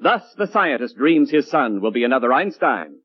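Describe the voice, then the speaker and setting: A man's voice: mid-range voice, very animated, moderate pace, husky. A man announcing and narrating a 1940s radio show in a polished, theatrical scripted style. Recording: dull old radio recording.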